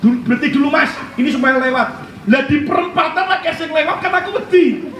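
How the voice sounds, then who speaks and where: High-voiced Javanese pastor telling stories. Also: male voice, a little fast, fairly bright tone. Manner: chatty storytelling, mixing Javanese and Indonesian, often laughing. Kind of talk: sermon with humorous anecdotes. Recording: echoey hall, mic at a distance, faint noise.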